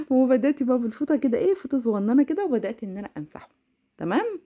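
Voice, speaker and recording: A young Egyptian woman talks straight to her viewers over a home cleaning video. Her delivery is quick and bubbly. Her voice sits a little high with a soft, mellow tone. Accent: Egyptian Arabic. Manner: fast, excitable, laughing, addresses viewers directly. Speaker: home vlogger. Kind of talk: chatty cleaning vlog voice-over.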